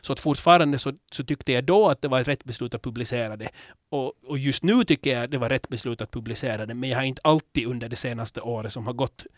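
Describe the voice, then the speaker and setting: A man hosting a podcast in casual chat, candid and rambling, with many restarts, growing animated when telling stories. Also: mid-range voice, hardly any pauses, no room sound, studio quality. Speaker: podcast host.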